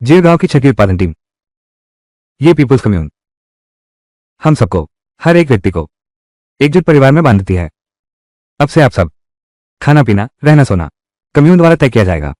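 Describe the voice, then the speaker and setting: A man's voice: mid-range voice, very animated, moderate pace, pauses often, a little mellow, no echo, studio quality, close to an everyday voice. A man voicing a village leader who makes announcements like a town crier, rallying the people in a dubbed drama. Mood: proud, announcing.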